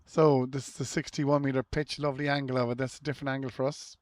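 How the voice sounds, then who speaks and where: An Irish man commentating live on golf in a casual, low-key way, with short shot descriptions and chatty asides. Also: little pitch movement, quick pace, darkish tone, dry recording.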